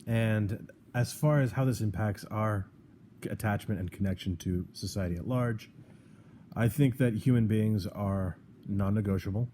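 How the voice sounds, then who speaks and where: A man with a low, mellow, dark voice holds forth in casual podcast talk. He argues his points with sarcasm and often stumbles and restarts mid-sentence. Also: moderate pace, slight background noise. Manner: sarcastic, argumentative, frequent restarts. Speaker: podcast co-host. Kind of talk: opinionated casual chat.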